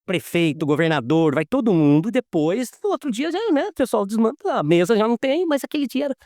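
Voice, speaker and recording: A man's voice: high-pitched, a little fast, dry recording, studio quality. A man, a lawyer being interviewed, telling stories casually and acting out the dialogue as he goes. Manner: animated, acts out quoted dialogue.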